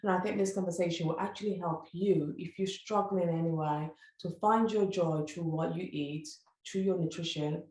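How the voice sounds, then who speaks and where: A woman's voice: lowish voice, fairly even intonation, normal speed, a little mellow, echoey room. A woman hosting a podcast interview, effusive and enthusiastic, sometimes stumbling over her words. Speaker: podcast host.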